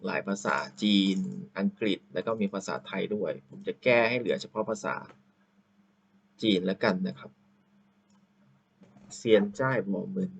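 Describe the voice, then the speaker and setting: A man teacher walking through a screen-recorded software tutorial, unhurried and thinking aloud with drawn-out fillers, into a computer microphone. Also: sits low, gravelly, husky.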